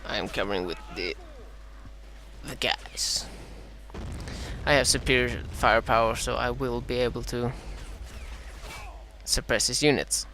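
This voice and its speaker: A man from Sweden, new to commentating, narrates his own strategy game match with a sharp tone, a slightly dry throat, and a middle pitch. His speech is halting, with frequent "uh" fillers and self-corrections, and a faint hiss of noise lies beneath it.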